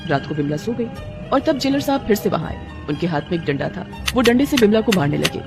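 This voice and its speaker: A woman narrating a scripted moral cartoon story with expressive storytelling. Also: lowish voice, fairly quick, vocal fry, over music.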